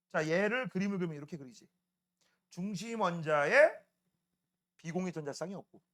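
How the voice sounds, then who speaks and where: A male science teacher giving a casual classroom lecture, checking in with students constantly and acting out little scenes in playful voices. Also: high voice. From South Korea. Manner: acts out scenes in playful voices, shouts at times.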